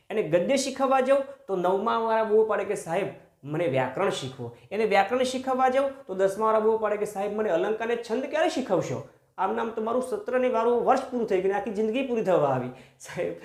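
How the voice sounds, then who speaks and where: A male teacher giving a grammar lesson, earnest and emphatic, who keeps addressing his listeners as friends. His voice swings from soft, low asides up to high, stressed points. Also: reverberant.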